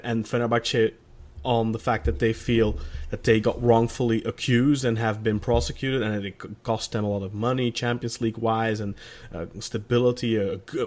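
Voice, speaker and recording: A male podcast co-host talking football in a rambling, casual way, often restarting his sentences. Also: medium pitch. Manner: rambling, restarts often, self-aware about stuttering.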